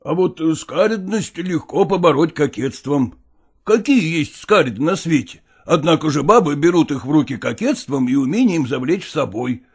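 A man playing a pragmatic older merchant father who coaxes his daughter in a dramatized reading, with a husky, gravelly voice and folksy persuasion. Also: fairly high pitch, animated, normal speed. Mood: coaxing.

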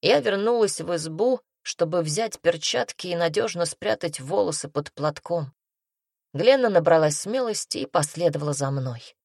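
A woman narrates a first-person audiobook with lively, expressive storytelling. Her voice sits somewhat low for a woman. The recording is dry and close, with no room sound. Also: moderate pace, vocal fry, no echo.

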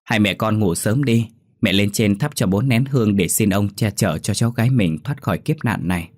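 A man's voice: on the low side, normal speed, a little mellow, close to an everyday voice. A man voicing a worried older grandmother in a spoken horror story, fretful and pleading. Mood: solemn.

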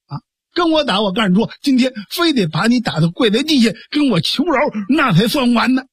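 A storyteller voicing a rowdy, boastful young man who taunts his sister in a pitched-up voice. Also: big pitch swings, fairly quick, husky, no echo, studio quality. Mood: taunting. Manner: taunting, cocky shouting.

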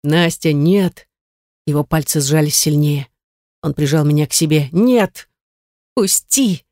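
A woman's voice: deep voice, dark tone, dry recording. A woman reading a first-person novel in a tense, dramatic way into a close studio mic. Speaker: audiobook narrator.

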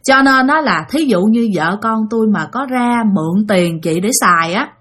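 A woman voicing the pleading ghost of a dead middle-aged man, speaking softly and hesitantly. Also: fairly high pitch, lively intonation, normal speed. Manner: begging, soft and hesitant.

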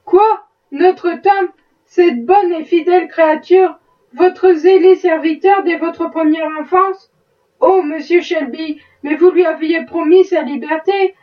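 A woman's voice: very high voice, slow pace. A woman reading the part of a pious, indignant plantation wife, pleading in earnest. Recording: muffled, distant mic.

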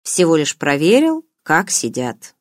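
Self-assured playful male alien, read by a woman narrator, teasing and low-pitched, close and dry. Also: huge pitch swings, a little slow, no echo, heavily acted. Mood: teasing calm.

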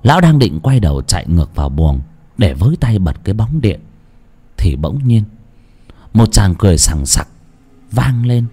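A man narrating a horror story in a slow, dramatic, suspenseful way. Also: on the low side, big pitch swings, dark tone, breathy edge.

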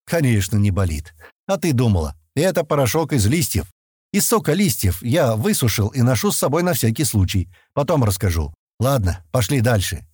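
A man's voice: medium pitch, big pitch swings, normal speed, a little mellow, husky, dry recording, voice pushed up. A man playing a grumpy, impatient male space explorer who grumbles, mocks and speaks curtly, in a dry, close recording. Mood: brusque. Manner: grumbling, mocking, curt.

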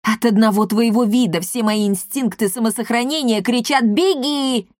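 A woman voicing a hot-tempered male cat pilot who shouts threats. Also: on the high side, normal speed, dry recording, clean studio sound, natural voice. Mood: furious.

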